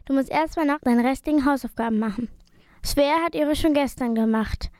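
A woman's voice: high voice, moderate pace, darkish tone, no echo, clean studio sound, natural voice. A woman reading a story aloud, voicing a strict mother telling off her younger daughter. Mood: stern. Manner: strict scolding. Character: stern caring mother.

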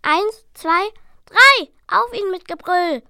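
A woman's voice: extremely high pitch, expressive, normal speed, gravelly, a bit bright, no room sound, clean studio sound, voice pushed up, heavily acted. Furor, a woman voicing an eager little dragon boy. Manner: eager, commanding. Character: excited young boy dragon, bossy planner.

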